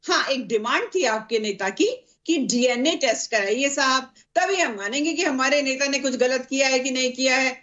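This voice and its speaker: Woman, party spokesperson, TV debate, forceful, rhetorical, high voice, bright tone. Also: moderate pace, few pauses, dull audio. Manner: forceful, rhetorical, lists repeated examples. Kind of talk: heated televised debate.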